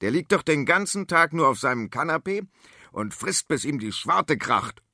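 Man doing a rough mocking farmer. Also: on the high side, very animated, moderate pace, sharp tone, no echo, studio quality, voice pushed up, full character voice. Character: coarse laughing male farmer.

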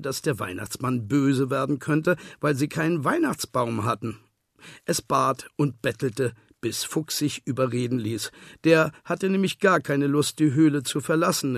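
A man's voice: mid-range voice, vocal fry, no room sound, studio quality. A man reading a children's storybook aloud as narrator, telling it expressively.

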